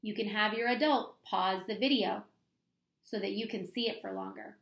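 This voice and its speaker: At a moderate pace, a woman with a medium-pitched, creaky, fairly bright voice reads aloud to children. Acting as their elementary school teacher, she explains step by step and poses questions during the instructional read-aloud, recorded indoors in a small room at home.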